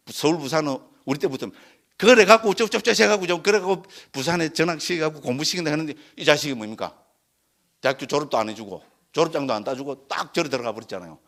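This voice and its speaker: A man's voice: on the high side, a bit bright. A man, a Buddhist monk giving a Dharma lecture in a conversational way, often asking the audience to agree. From Korea, Gyeongsang region. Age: 60s. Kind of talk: Dharma lecture with personal story.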